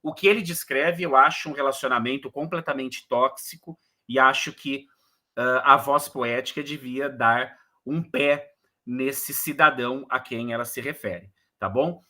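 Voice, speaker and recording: A man giving a casual online lecture on verse rhythm, explaining in a relaxed way and counting syllables aloud. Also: mid-range voice, unhurried. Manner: casual explanatory, frequent "né" and "beleza". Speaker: poetry course instructor.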